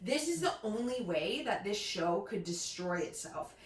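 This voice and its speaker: A woman's voice: medium pitch, very animated, a little slow, slight background noise. A woman ranting casually and without a filter, exasperated and given to emphatic exaggeration. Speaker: guest giving opinions on a TV series. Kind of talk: casual rant. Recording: echoey, roomy home recording.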